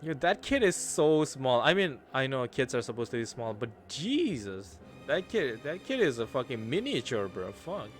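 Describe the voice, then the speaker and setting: A young man streaming a game, reading the story aloud and reacting with casual swearing and loud outbursts. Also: medium pitch, sing-song, normal speed, few pauses. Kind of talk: let's play commentary and reading aloud. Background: game music.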